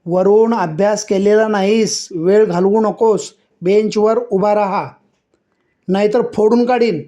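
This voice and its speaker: A stern, short-tempered schoolteacher barks at his pupil, as a male storyteller puts him on. The voice jumps high and loud, yet the tone stays dark and mellow underneath. It is acted dialogue within a read-aloud story. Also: a little slow. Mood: scolding. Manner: loud scolding, raised pitch.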